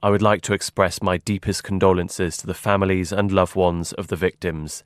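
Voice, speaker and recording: A man working as a live interpreter, voicing a formal speech in a measured, solemn delivery. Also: low-pitched, little pitch movement, no echo, studio quality. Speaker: simultaneous interpreter.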